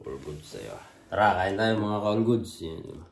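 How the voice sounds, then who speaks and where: A deep-voiced man from the Philippines talks loosely to his viewers over breakfast. His morning voice is thick and stuffy from a cold and sinus trouble, heavy enough to sound a little drunk. He rambles and keeps returning to the same catchphrase, with a faint hiss in the background. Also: lively intonation, a little slow, creaky. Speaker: overseas worker vlogger. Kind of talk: casual morning chat to viewers.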